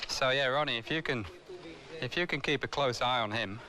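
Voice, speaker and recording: On an outdoor shoot for a nature documentary, a man speaking as a crocodile expert explains things without a script. His medium-pitched voice is brisk and sharp, and the recording is rough, with outdoor location sound and music.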